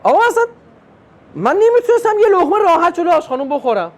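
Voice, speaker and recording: A young man performing a stand-up comedy routine, telling family stories and acting out the dialogue in an animated way. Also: extremely high pitch. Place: comedy club stage with live audience.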